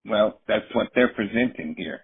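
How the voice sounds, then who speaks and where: A man in casual interpretive political chat, opinionated and somewhat halting as he explains. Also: on the low side, breathy edge. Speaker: commentator in a book discussion. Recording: thin, narrow-band call-like audio.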